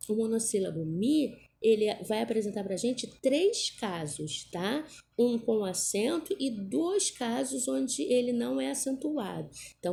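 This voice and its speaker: A woman giving a recorded language lesson, talking slowly and patiently and checking in with frequent tag questions. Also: fairly high pitch, creaky, warm tone. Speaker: Spanish teacher. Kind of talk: recorded lesson for Portuguese speakers.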